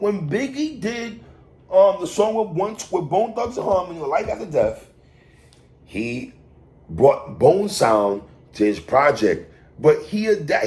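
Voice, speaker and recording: A man's voice: sits high, darkish tone. A man with a New York accent giving casual, opinionated music commentary in an emphatic, repetitive, slangy way, as if talking straight to someone. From New York City. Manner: emphatic, repetitive, slangy, addressing the artist directly. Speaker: hip hop album reviewer.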